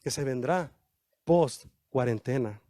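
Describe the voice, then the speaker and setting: A man's voice: mid-range voice, slow pace, warm tone, dry recording, clean studio sound. A male pastor preaching a sermon, explaining scripture in a teacherly way, chuckling often and speaking straight to the congregation. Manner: teacherly, addresses the congregation directly.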